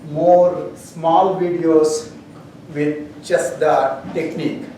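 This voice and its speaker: A man with an Indian accent and a somewhat high voice talks to his class with lots of ums and wry asides. The sound is very roomy, picked up from a camera at a distance in a lecture hall, with faint background noise. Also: fairly even intonation, drawn-out words, mellow. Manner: rambling, many fillers, dry humor. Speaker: university professor. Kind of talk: classroom announcements.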